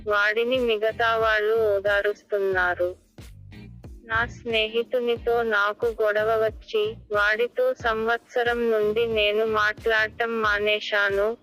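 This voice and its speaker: A woman reading a first-person life story aloud as scripted narration, in a steady, even way. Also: a little high, low-quality recording.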